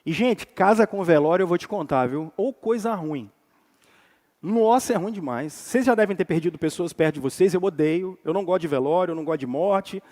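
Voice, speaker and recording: A man's voice: high voice, expressive, brisk, a little mellow, big-room sound. A Brazilian man preaching a casual sermon as pastor, talking informally and addressing the congregation directly with everyday slang. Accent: Brazilian Portuguese. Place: church sanctuary.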